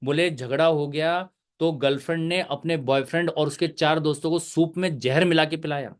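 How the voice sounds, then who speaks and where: A man's voice: a little high, fairly even intonation, normal speed. A male teacher giving a live online lecture, chatty and joking, mixing English terms into his talk.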